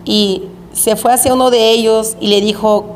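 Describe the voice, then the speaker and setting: A woman preacher telling of a vision she had, in a slow, repetitive storytelling manner. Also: fairly high pitch, fairly even intonation. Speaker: preacher recounting a revelation. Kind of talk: religious testimony of a vision. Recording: echoey hall with faint background noise.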